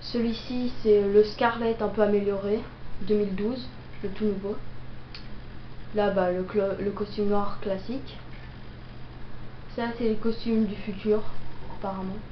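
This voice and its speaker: Her voice is mid-range and steady, her pace measured, with frequent pauses: a young woman making gameplay videos, improvising commentary despite a cold and a cough. She sounds hesitant and uses many fillers. It's a roomy, dull lo-fi recording with noise.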